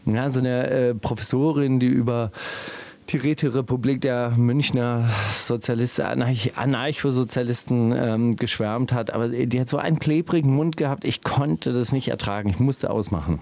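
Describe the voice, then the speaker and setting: A man hosts a casual radio conversation in a studio. His voice has a gravelly edge. He rambles, trails off and restarts his sentences. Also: mid-range voice, a little mellow, no room sound. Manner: rambling, halting with many fillers and restarts. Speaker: radio show host.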